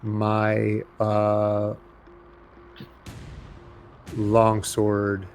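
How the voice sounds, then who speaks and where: A man's voice: lowish voice, completely flat delivery, very slow, faint music behind. Hesitant man playing a game. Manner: hesitant, filler-heavy. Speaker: player. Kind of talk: casual chat at a tabletop game.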